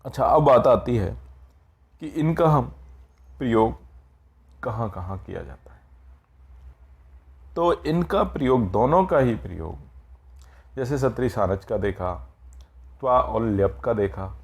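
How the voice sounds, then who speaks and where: A man's voice: medium pitch, animated, unhurried, pauses often, slightly rough. A man teaching a grammar lesson, explaining patiently step by step and checking in with his students often. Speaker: Sanskrit teacher.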